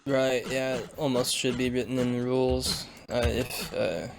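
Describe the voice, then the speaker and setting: Play this as a male co-caster laying out the rules in a measured way. Keep the voice very flat, with clear noise in the stream audio behind it. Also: mid-range voice. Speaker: co-commentator. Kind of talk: live esports commentary.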